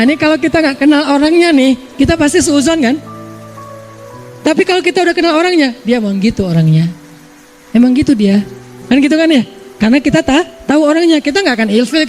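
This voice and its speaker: A male Indonesian preacher giving a casual, playful religious talk, acting out everyday examples. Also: very high voice.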